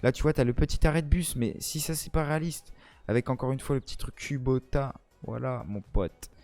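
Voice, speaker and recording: Mellow slangy young gaming host. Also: male voice, medium pitch, fairly quick, soft background music. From France. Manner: slangy, enthusiastic, keeps calling the viewer buddy. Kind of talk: casual gameplay commentary.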